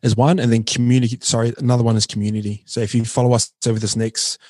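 Guesting on a podcast, a New Zealand man with a broad Kiwi accent chats casually in a slangy, informal way, dropping "bro" and "man" often. His mid-range voice is warm but flat and quick. The recording is dry with a clean studio sound.

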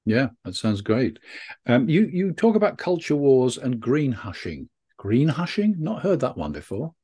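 A man hosting an interview, asking relaxed, conversational questions. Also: medium pitch, measured pace, slightly rough. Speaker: interview host.

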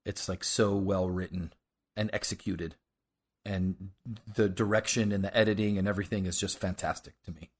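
Low-voiced man chatting enthusiastically. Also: fairly even intonation, slightly rough. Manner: halting, enthusiastic. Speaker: podcast host. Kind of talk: casual TV discussion podcast.

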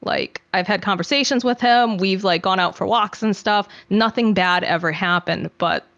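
A woman's voice: medium pitch, moderate pace, vocal fry, fairly bright tone, dry recording. Candid woman, dull dry sound. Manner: candid, frequent fillers, voices her past self in quotes. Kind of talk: candid conversation.

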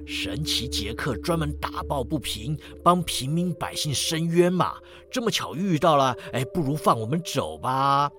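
A man's voice: a little high, sing-song, normal speed, few pauses, bright, forceful tone, faint music behind. A man voicing a sly, pleading male assassin locked in a cage, in a storybook reading. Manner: pleading, complaining.

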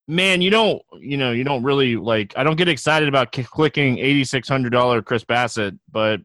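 A man hosting a sports podcast, chatting casually and haltingly, often repeating words as he thinks aloud. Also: medium pitch, pushed and bright, no echo. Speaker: fantasy sports podcast host.

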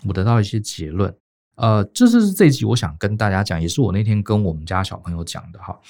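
A middle-aged man from Taiwan with a Taiwanese Mandarin accent, co-hosting a podcast and telling a casual career story, often pausing on fillers. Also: fairly low pitch, a little mellow. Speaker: podcast co-host.

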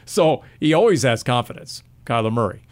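A man's voice: mid-range voice, expressive, moderate pace, no room sound. A man hosting a casual sports podcast, chatting in a rambling way with fillers. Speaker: podcast host.

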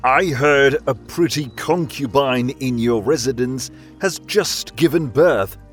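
A narrator voicing an obese, cruel male general who speaks in a slow, smug, leering way. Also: mid-range voice, faint music behind, pitched above the performer's own voice, natural voice.

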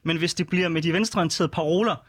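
Measured man with a dry sound. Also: a little high, no echo. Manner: measured, hesitant, with fillers. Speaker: right-leaning debater. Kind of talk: panel debate.

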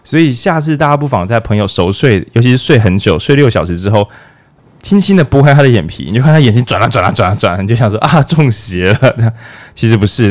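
Man hosting a podcast, lowish voice. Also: darkish tone. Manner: playful, with jokes and acted-out asides. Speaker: podcast host. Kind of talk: casual explanatory podcast talk.

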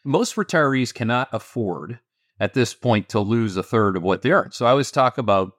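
A man with a Canadian accent, an investment firm founder answering interview questions in an animated, emphatic way with sarcastic asides. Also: medium pitch, moderate pace, dry recording, clean studio sound.

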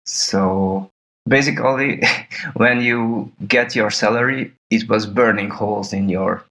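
A man in his thirties from Serbia speaks slowly and deliberately, telling his story as a podcast guest. His low voice has a gravelly edge, and he drops small laughs into his answers. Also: pushed and bright, rough recording. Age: 30s. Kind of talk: podcast interview.

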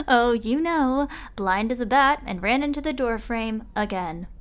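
A man voicing a blind older mother who is sharp-tongued and feisty, in a high sing-song put-on voice. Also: animated, a little slow, smooth, full character voice. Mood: teasing.

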